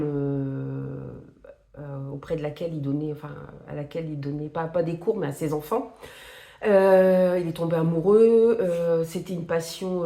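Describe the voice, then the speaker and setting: A woman with a low, mellow voice chats about her favourite novels, hesitating often with fillers and restarts. She is recorded in an echoey room. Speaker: book reviewer. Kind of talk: casual book talk to camera.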